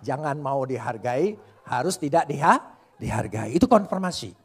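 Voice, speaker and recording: A middle-aged male pastor preaching a sermon in a church, swinging between loud emphatic calls and soft asides and joking with the congregation. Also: mid-range voice, very animated, moderate pace, husky. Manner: jokes with the congregation in casual speech.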